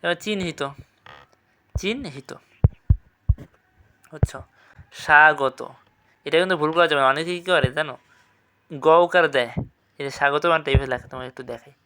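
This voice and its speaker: A man teaching an exam revision class, repeating each word slowly and checking with quick questions. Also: fairly high pitch, pushed and bright, a little hiss or hum.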